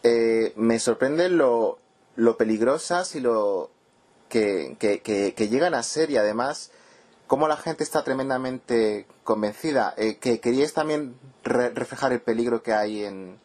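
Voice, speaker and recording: A man's voice: mid-range voice, darkish tone. Hesitant male interviewer. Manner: hesitant, many ehs, slow searching questions. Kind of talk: interview questions.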